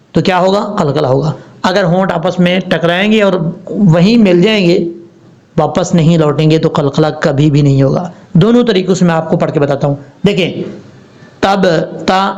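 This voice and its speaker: A man's voice: high-pitched, creaky, darkish tone, lo-fi sound. A man teaching Quran recitation rules in a patient lesson, spelling out letters and asking and answering his own questions. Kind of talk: tajweed lesson explaining rules step by step.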